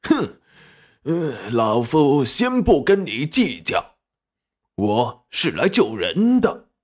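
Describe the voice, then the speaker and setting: A man's voice: mid-range voice, huge pitch swings, slow pace, slightly rough, exaggerated voice. A man voicing a proud, grumpy old male master healer in an audiobook, scolding and huffy.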